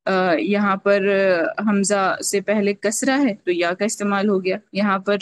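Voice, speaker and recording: A woman teaching a Quran recitation class, explaining patiently step by step and slowly drawing out sounds to demonstrate them. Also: medium pitch, fairly even intonation, no room sound. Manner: checks in often with a repeated "okay". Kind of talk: online tajweed lesson.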